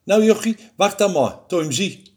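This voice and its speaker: A man's voice: high voice, expressive, normal speed, breathy edge, pitched above the performer's own voice. A man voicing a small, clever, boastful mouse in a storybook reading, talking in a cheeky, bragging way.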